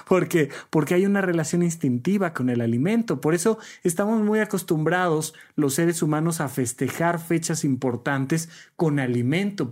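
A man with a Mexican accent, a doctor giving advice in an expressive, conversational way. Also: fairly high pitch. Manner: conversational and expressive, acts out talking to children. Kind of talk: casual advice talk.

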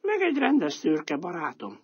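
A man voicing an old male cat who is hard of hearing, in a storybook, with a husky voice. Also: sits high, wildly swooping pitch, darkish tone, voice pushed up, heavily acted. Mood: resigned. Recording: dull lo-fi recording.

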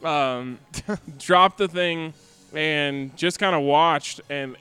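A man with a bright, crisp and slightly high voice chats casually on a podcast panel, telling anecdotes as he goes. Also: drawn-out words, faint music behind. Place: bar under construction.

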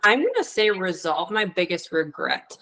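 Woman guest, amateur dog trainer and bird hunter, relaxed and candid in a chatty interview. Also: fairly low pitch, normal speed, poor audio. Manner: candid, easygoing answers. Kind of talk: casual interview chat.

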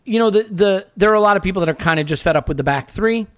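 High-voiced wry man hosting a podcast. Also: very fast, fairly bright tone, no room sound, studio quality. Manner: wry, wordy, sardonic. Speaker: podcast host. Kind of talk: football podcast talk with scripted-sounding intro.

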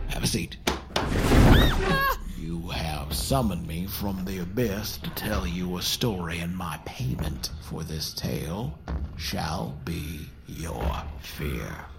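An actor playing a hungry male demon storyteller who gloats and savors every word, slow and menacing. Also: low voice, vocal fry, heavily acted. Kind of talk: horror film acting.

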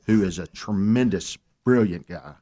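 A man with a somewhat low voice, speaking as a guest on a talk show. He tells his story earnestly and with animation, sometimes slowing to lean on a point. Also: warm tone. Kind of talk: casual radio chat.

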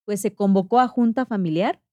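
A woman podcast host with a Mexican accent retelling a guest's ghost story in a lively, slangy way. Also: mid-range voice, brisk, no echo, highs cut off. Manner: animated, slangy, acts out quotes.

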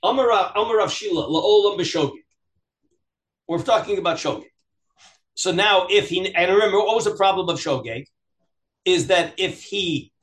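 A man teaches a Talmud class as a rabbi, reading aloud and explaining in an animated, questioning way. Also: high voice, reverberant. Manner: animated, questioning, acts out examples in dialogue. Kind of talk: interactive text lesson, reading aloud and explaining.

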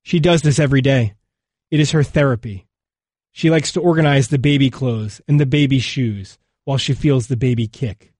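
A man reading a magazine feature as scripted narration, in a measured, solemn way. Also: mid-range voice, darkish tone, no room sound, clean studio sound.

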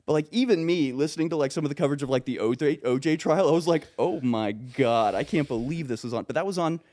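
A man joining a casual panel chat as a guest, making quick wry comments. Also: fairly high pitch, a little mellow, no room sound.

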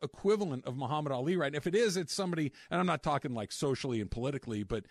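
A man's voice: fairly high pitch, lively intonation, very fast, gravelly, no room sound, studio quality. A man hosting a casual sports talk show, chatty and joking, often restarting his sentences. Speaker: sports radio host.

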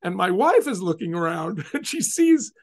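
A middle-aged man from California telling a personal story in casual talk, animated and acting out the voices of others. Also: sits high, normal speed. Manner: animated, acts out quoted voices.

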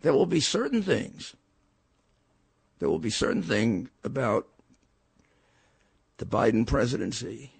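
A man's voice: mid-range voice, sing-song, unhurried, gravelly, long pauses, breathy edge, dry recording. An older man hosting a political talk show, giving a blunt, combative commentary monologue with frequent stammered restarts.

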